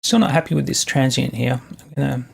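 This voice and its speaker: Young adult streamer, gravelly vocal fry, mid-pitched, casual halting chat, thinking aloud while producing. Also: fairly even intonation. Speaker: music producer streaming live.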